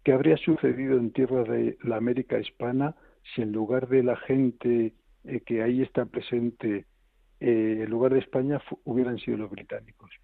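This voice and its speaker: A man, a history of law professor, giving measured, lecturing answers in a radio interview, with many fillers and restarts. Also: mid-range voice, steady tone, creaky, no room sound, phone-quality sound.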